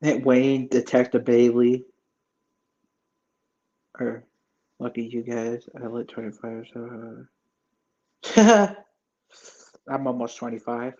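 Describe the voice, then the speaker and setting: A livestream host in his twenties chats casually with viewers, rambling loosely with plenty of fillers and restarts. His medium-pitched voice has a dark tone, and he speaks slowly with frequent pauses. The highs in the audio are cut off.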